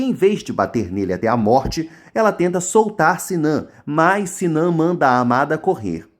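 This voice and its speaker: A man's voice: medium pitch, darkish tone. A man with a Brazilian Portuguese accent recapping a soap opera episode in casual narration, dropping mocking, slangy asides.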